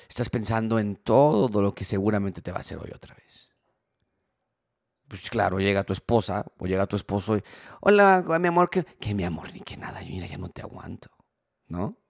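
Man preaching, low dry voice. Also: vocal fry, dry recording. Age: married adult. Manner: animated, acts out quoted spouses. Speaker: pastor. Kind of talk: sermon.

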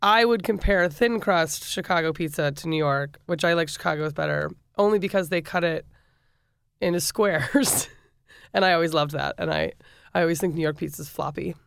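A woman's voice: deep voice, moderate pace, vocal fry, smooth, dry recording, studio quality. A woman in her thirties from the American Midwest, a chef being interviewed, talking casually with lots of fillers and laughter. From Midwestern United States. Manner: chatty, frequent fillers and laughs. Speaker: chef and restaurant owner, guest.

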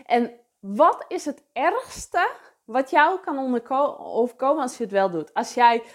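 Woman coach, high voice, unhurried delivery, earnest, repeats key phrases, motivational talk. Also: animated. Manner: earnest, repeats phrases for emphasis, frequent restarts.

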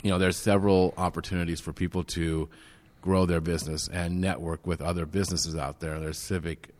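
A man with a very low voice explains things in a steady, patient way. He is recorded in a large banquet room, and a big hall echo hangs on every word. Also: brisk. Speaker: networking group organizer. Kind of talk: interview guest explaining at length. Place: golf course banquet room with reverb.

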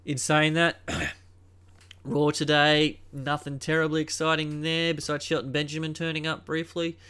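A young man hosting a solo podcast in a casual, rambling way, full of ums and uhs and a flat, unimpressed tone. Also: fairly high pitch, normal speed, clear, resonant tone. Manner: unenthusiastic, dismissive. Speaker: podcast host.

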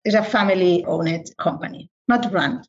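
Spanish-born woman CEO, 50s, halting with fillers, lo-fi video call. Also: fairly low pitch. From Spain. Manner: hesitant, many fillers. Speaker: company CEO panelist. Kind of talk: panel discussion. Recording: dull lo-fi sound.

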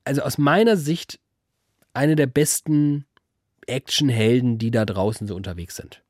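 A man's voice: medium pitch, normal speed, no room sound, studio quality. A man co-hosting a podcast, ranting in casual chat. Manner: ranting, animated. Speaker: podcast co-host. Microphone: studio mic.

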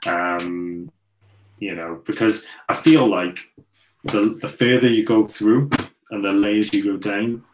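Man, very deep voice, casual podcast chat, rambling, faint background noise. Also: fairly even intonation, takes it slowly. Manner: rambling, fillers and repeated "you know". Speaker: podcast co-host.

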